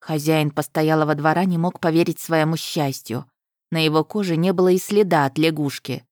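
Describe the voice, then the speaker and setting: Audiobook reader, woman, low register, dry studio read. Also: steady tone, normal speed, darkish tone, no echo. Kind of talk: first-person fantasy audiobook narration.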